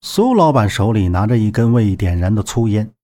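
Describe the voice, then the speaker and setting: A male narrator reads an adventure audiobook in a dramatic, expressive style. His pitch rises and falls vividly as he tells the story. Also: normal speed. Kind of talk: scripted narration.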